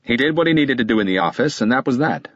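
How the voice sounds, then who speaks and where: Man voicing a clipped defensive lawyer, husky low voice, dry muffled audiobook sound. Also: expressive, fast, fairly bright tone, no echo. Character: guarded middle-aged male lawyer, curt and defensive.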